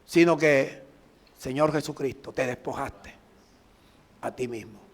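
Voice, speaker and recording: A middle-aged man from Colombia, a pastor preaching a sermon with emphatic, drawn-out phrases and prayers. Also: mid-range voice, gravelly.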